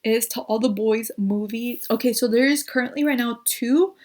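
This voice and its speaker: A woman's voice: fairly high pitch, moderate pace, darkish tone. A young woman, a YouTuber, chatting casually about her favourite shows, gushing and saying "like" constantly. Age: young adult. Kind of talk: casual recommendation chat.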